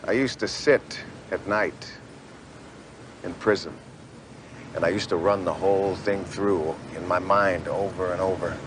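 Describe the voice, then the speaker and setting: A man's voice: low voice, steady tone, a little slow, noisy background. An actor playing a reformed cat burglar, a middle-aged man on parole who talks wryly and begs for help. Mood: wistful. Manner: wry, chuckling, then pleading. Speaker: ex-convict on parole.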